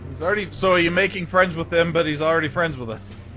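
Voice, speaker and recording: A man's voice: on the high side, fast talker, soft background music. A man playing a tabletop game, chatting and joking casually. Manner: jokey, animated. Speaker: player.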